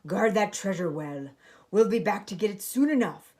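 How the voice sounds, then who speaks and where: A woman's voice: medium pitch, animated, moderate pace, darkish tone, close to an everyday voice. A woman voicing a bossy, hearty male pirate captain from a storybook, hollering out in a raised voice. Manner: bellowing, hollering commands. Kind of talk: storybook character voice.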